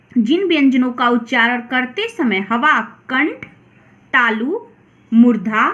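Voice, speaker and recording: A woman teacher with a Hindi accent, slowly and deliberately explaining grammar to children. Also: sits high, fairly bright tone, muffled recording. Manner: slow, deliberate, addresses children. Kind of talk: grammar lesson read aloud.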